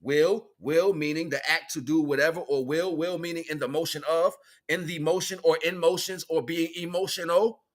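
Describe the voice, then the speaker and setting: An American man speaks at a moderate pace in a fairly high voice with fairly even intonation, delivering an improvised spiritual talk like casual street preaching. A spiritual teacher and livestream host, he uses slang, repeats phrases to stress them, and acts out imagined dialogue conversationally.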